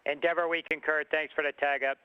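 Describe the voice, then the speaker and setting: A man at mission control speaking brisk, formal calls over a radio link to the spacecraft. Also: fairly high pitch, level tone, smooth, no echo, phone-quality sound. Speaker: mission control capsule communicator. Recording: distant radio transmission.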